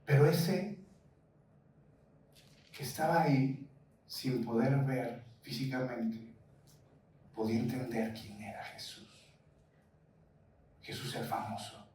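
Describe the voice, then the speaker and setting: A man's voice: medium pitch, fairly even intonation, takes it slowly, long pauses, a little mellow, a little hiss or hum. A man preaching a sermon with a Mexican Spanish accent, asking his congregation question after question. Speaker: pastor. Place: church hall. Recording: echoey church hall, mic at a distance.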